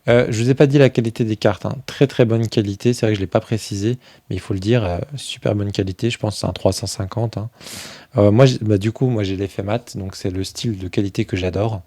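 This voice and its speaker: Man, low voice, mellow dark tone, dry close sound, chatty card review. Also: steady tone, brisk, no room sound. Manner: chatty, many fillers, thinks aloud while flipping cards. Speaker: tarot deck reviewer. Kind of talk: casual unboxing review.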